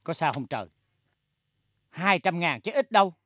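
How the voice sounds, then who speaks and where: A woman's voice: fairly low pitch, fairly quick, a bit bright, slight background noise. An actress playing an exasperated music company boss in a sitcom, scolding her staff dramatically. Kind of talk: sitcom acting.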